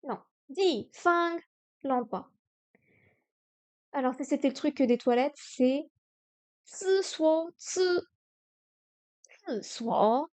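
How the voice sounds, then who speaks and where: A woman streaming herself studying Chinese, sounding out words slowly and correcting herself aloud. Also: sits high. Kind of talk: live-stream study session.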